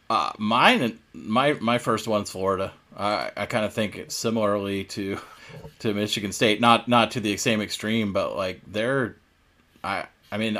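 A man with a slightly deep voice hosts a sports talk show. He speaks in a loose, conversational style. His points come out hedged and informal. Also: a bit bright. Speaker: sports podcast host. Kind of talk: casual sports discussion.

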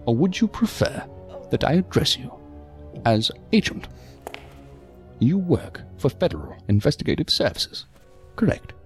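In an audio drama, an actor plays a calm, evasive male psychiatrist whose speech is measured, formal, and unctuous. His mid-range voice sounds soothing yet probing, with faint music behind him.

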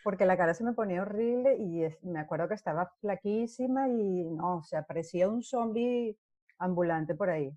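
A woman's voice: on the low side, normal speed, dry recording, muffled recording. A middle-aged woman, an actress, telling stories in a casual interview and acting out the scenes she describes. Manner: animated storyteller who acts out scenes.

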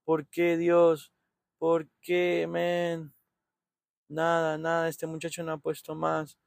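A man's voice: fairly high pitch, monotone, slow pace, gravelly, no echo, studio quality. A man in his thirties with a Honduran accent, giving an anxious, rambling running commentary from inside his car while waiting in line. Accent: Honduran Spanish. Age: 30s. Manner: rambling, anxious, thinking aloud. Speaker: podcast host.

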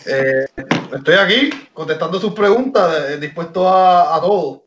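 Animated Puerto Rican man in an echoey room. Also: sits high, moderate pace, lo-fi sound. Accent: Puerto Rican Spanish. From Puerto Rico. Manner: animated, many fillers and restarts. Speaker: wrestler guest. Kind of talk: casual interview storytelling.

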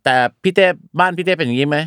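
A man's voice: on the high side, racing, fairly bright tone, dry recording, studio quality. A man co-hosting a podcast in a playful casual chat, quizzing his partner and slipping English words into his talk. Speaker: podcast co-host.

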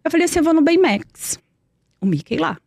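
Woman telling her story, kinda high voice, dry sound, keeps repeating words. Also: sing-song, a little fast, gravelly, a little mellow, dry recording. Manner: earnest, repeats words for emphasis. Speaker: guest. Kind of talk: emotional personal storytelling.

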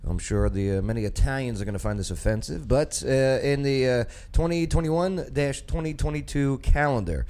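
A man's voice: medium pitch, a little fast, few pauses, a little mellow. A man with a New York accent hosting casual talk radio, rambling with lots of fillers and restarts. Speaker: radio show host.

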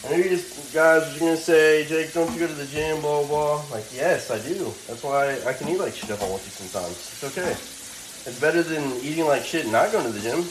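Cooking at home, a young male vlogger spins rambling, laid-back, slangy stories in a fairly quick, high-leaning voice. The background is noisy, with a roomy kitchen sound and the faint sizzle of frying.

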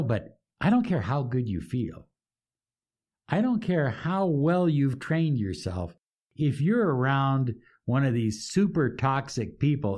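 A man hosting a motivational podcast, talking with enthusiastic, preacher-like emphasis and drawn-out phrases. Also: medium pitch, a little mellow. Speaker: podcast host and life coach. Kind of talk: upbeat motivational podcast talk.

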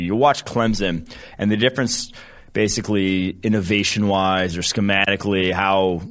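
A man's voice: on the low side, fairly bright tone. A man co-hosting a sports podcast, giving laid-back, rambling analysis in casual chat. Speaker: podcast co-host.

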